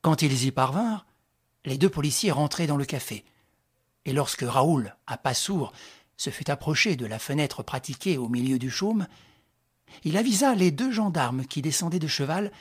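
Husky, measured audiobook narrator. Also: mid-range voice. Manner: even, measured storytelling.

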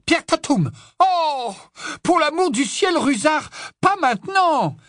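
A man's voice: fairly high pitch, very animated, moderate pace, no echo, clean studio sound, voice pushed up. McGonagall: a man putting on a stern, commanding old witch. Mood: shouting. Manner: clipped orders, shouting when roused. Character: stern older female witch professor, commanding.

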